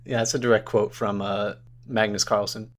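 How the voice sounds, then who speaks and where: A man's voice: fairly low pitch, level tone, moderate pace. Easygoing man chatting about tabletop games. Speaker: podcast co-host.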